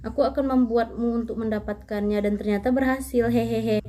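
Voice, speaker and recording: A gentle young man bids a soft farewell as he dies, read out by a woman in her own high voice. The tone is quiet and tender, close to plain reading. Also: steady tone, brisk, soft background music, natural voice. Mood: wistful letter.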